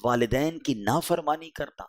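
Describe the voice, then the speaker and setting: A man's voice: on the high side, lively intonation. A man preaching a sermon, impassioned, rising and falling emphatically as he pleads with his listeners.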